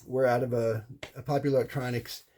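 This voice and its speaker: A hobbyist presenter, an American man who is middle-aged or older, gives a loose, unscripted explanation full of halts, repeated words and restarted phrases. He speaks at a medium pitch with a level delivery and a dark tone.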